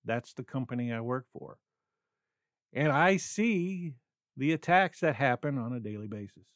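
Male podcast host, mid pitch, rambling and stammering, dead-dry close-mic sound. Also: lively intonation, measured pace, no room sound. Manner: rambling, stammering with many fillers. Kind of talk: unscripted solo podcast talk.

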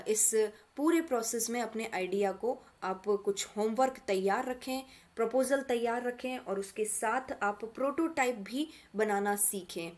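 In a screen-recorded tutorial, a woman mentor patiently walks students through an online course portal step by step, speaking to them directly. Her voice is fairly high and a little mellow.

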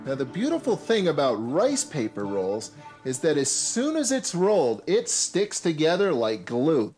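A man in his thirties hosts a scripted cooking show set in a home kitchen and a supermarket, walking viewers through each step upbeatly and instructively with playful asides. His fairly high, slightly mellow voice swings hugely in pitch at a somewhat slow pace, with faint music behind him.

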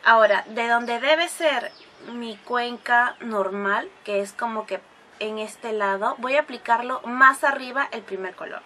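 A woman's voice: fairly high pitch, unhurried, pushed and bright, slight background noise. A woman talking through a makeup tutorial, chatty and explaining each step as she goes, with bursts of gushing praise for the products. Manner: gushing exclamations over products. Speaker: beauty vlogger.

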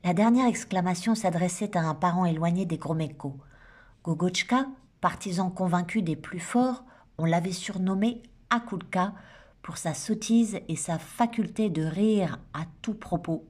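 A woman reading a novel aloud, narrating in a steady, measured way. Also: on the low side. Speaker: audiobook reader. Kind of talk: literary novel read-aloud.

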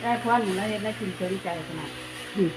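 A woman's voice: a little fast, music in the background, rough recording. A woman with a northeastern Thai Isan accent chatting casually over a meal, talking with her mouth full as she eats. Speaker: food vlogger eating on camera. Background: clear background noise.

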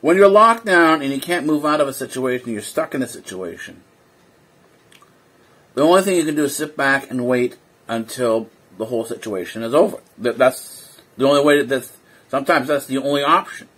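A man's voice: mid-range voice, lively intonation, normal speed, fairly bright tone, husky. A man talking casually in a vlog while sitting indoors, rambling and hesitant with many fillers and restarts, a little sleepy. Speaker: vlogger. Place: indoors, seated.

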